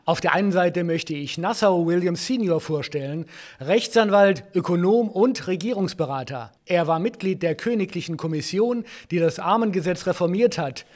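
A man playing a sly Victorian host in a scripted history podcast, smooth and teasing. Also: sits high, normal speed, a little mellow, lightly acted. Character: sly Victorian host, man, posing as a ghostly old partner.

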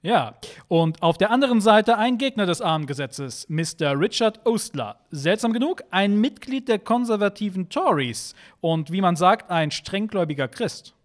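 A man's voice: sits high, expressive, normal speed. A man playing a wry, stingy Victorian moneylender who hosts a scripted history podcast, with a sardonic manner. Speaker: host.

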